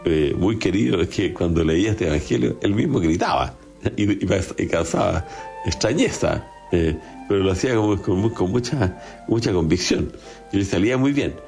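A man with a Chilean Spanish accent delivers a conversational homily on a gospel passage, frequently tagging his points with short questions. His voice sits low with a darkish tone and vocal fry, and he sounds animated at a normal speed. Soft music plays in the background.

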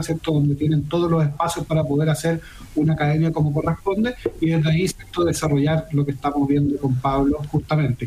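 Man, somewhat high voice, formal and steady, video call, faint background noise. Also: low-quality recording. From Chile. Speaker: theater foundation director. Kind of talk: remote interview answers.

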